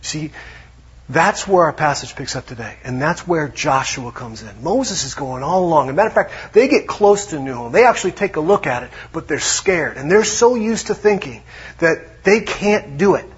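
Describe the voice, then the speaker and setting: A man preaching a sermon in a conversational way, dropping to hushed tones for emphasis. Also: fairly high pitch, animated, normal speed, husky, lo-fi sound. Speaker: pastor.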